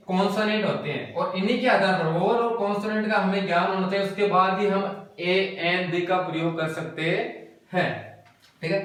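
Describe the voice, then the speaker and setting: Echoey teacher. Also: male voice, sits high, a bit bright. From India. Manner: explains step by step, repeats key words and asks himself questions. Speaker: English teacher. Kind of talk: classroom lesson explanation. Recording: very echoey room, voice from a distance.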